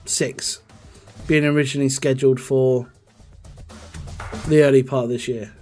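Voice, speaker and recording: A man's voice: mid-range voice, fairly even intonation, moderate pace, darkish tone, faint music behind. A man chatting casually on a gaming live stream, rambling and answering his chat.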